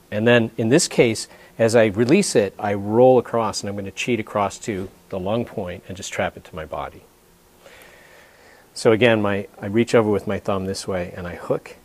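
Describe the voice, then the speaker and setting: A man's voice: on the low side, darkish tone. An older man in his sixties, a martial arts instructor, explaining a technique while demonstrating it on a partner in a dojo. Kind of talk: hands-on demonstration. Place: dojo indoors.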